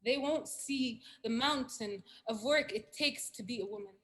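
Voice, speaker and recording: A Syrian woman, a poet, speaks over a video call and then performs spoken word poetry, earnest and measured, with dramatic repetition. Her voice is fairly high and a bit bright.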